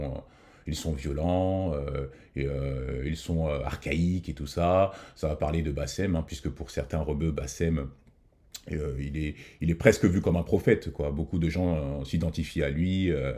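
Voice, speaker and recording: A man's voice: very deep voice, mellow. A man hosting a reaction video, talking casually with many hesitations and restarts. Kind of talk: casual commentary.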